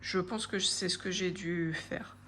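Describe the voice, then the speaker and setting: A woman in her forties talks unhurriedly to her viewers about her craft projects in a relaxed, chatty way. Her voice sits fairly low, and she hesitates often, filling pauses as she thinks. A faint hiss runs underneath. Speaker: craft vlogger. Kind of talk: casual chat to camera.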